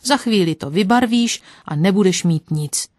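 A woman's voice: mid-range voice, expressive, darkish tone, no echo, studio quality, close to an everyday voice. A woman voicing a stern, thrifty village mother in an audiobook, with a prim, scolding manner. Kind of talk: audiobook storytelling.

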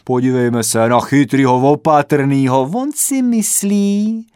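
A man's voice: mid-range voice, expressive, a little mellow, smooth, no echo, studio quality, pitched above the performer's own voice, close to an everyday voice. A man voicing a haughty, cocky young male football fan in a read-aloud comic story. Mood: boastful. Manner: haughty, boastful.

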